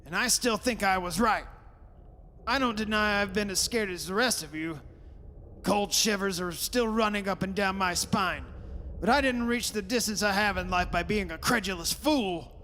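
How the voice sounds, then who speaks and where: In an old-time radio horror drama, a man plays a proud, blustering father who stubbornly rationalises away terror, arguing insistently and defiantly. His voice sits high, with a sharp tone at a moderate pace. The recording is hissy and echoes as if in a reverberant hall.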